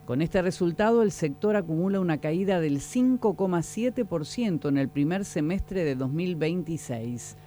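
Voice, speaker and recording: A man reading radio news bulletins in a steady, formal manner. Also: fairly high pitch, moderate pace, few pauses, slight background noise. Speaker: newsreader.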